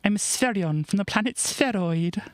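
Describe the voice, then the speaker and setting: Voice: medium pitch, expressive, normal speed, dry recording, voice pushed up, close to an everyday voice. A woman voicing a smug, sarcastic alien orb from her old comic, in a raised voice. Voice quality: haughty, condescending.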